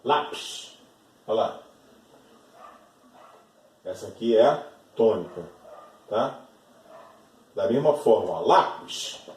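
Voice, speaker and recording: A man teaches a recorded lesson, explaining step by step and often pausing to check that students follow. His voice is mellow and sits a little back from the microphone. The room around him is echoey. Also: on the low side, animated, far from the mic. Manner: patient, checks in often with tag questions. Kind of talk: recorded online grammar lesson.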